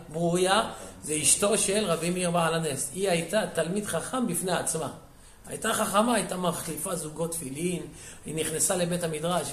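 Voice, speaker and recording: A male rabbi narrates sermon stories with animated energy and acts out the characters' dialogue. His voice sits high for a man. The recording has a noticeable room echo. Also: slight background noise. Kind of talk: sermon storytelling. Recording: echoey room.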